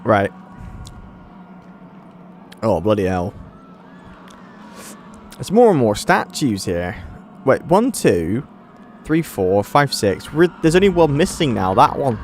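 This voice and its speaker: A man commentating casually on a horror game he plays, reading on-screen text aloud haltingly with frequent restarts and startled exclamations. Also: mid-range voice, sing-song, slight background noise. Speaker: let's play gamer.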